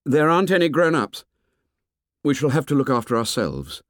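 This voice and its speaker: A man with a mid-range voice performs an earnest, commanding schoolboy leader for an audiobook, pitching above his natural voice with light acting. His delivery is firm and very animated at a moderate pace, in short emphatic phrases, captured in a dry, studio-quality recording.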